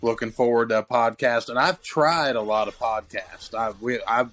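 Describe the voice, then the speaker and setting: Speaking at a normal speed in a mid-range, fairly bright voice, this podcast co-host in his 20s spins profane, rambling stories during casual chat. He holds a handheld mic in a chilly basement den at home.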